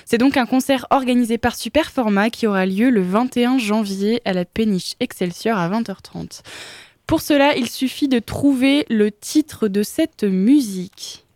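A woman hosts a radio show from a studio, talking in a casual, chatty way with some fillers and hesitations. Her voice sits a little high and sounds close and dry, with no room sound around it. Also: moderate pace, a little mellow, no echo. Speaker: radio host.

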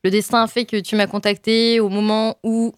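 A young woman delivering a comic chronicle in a chatty, self-mocking way, full of quick asides to her listeners. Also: on the high side, flat delivery, clear, resonant tone. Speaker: radio columnist. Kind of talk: comic monologue column.

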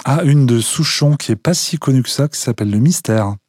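Male radio guest in a dry studio, ordinary pitch, keen but full of fillers and pauses. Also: darkish tone, no room sound. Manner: enthusiastic, hesitant with many fillers. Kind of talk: casual radio interview.

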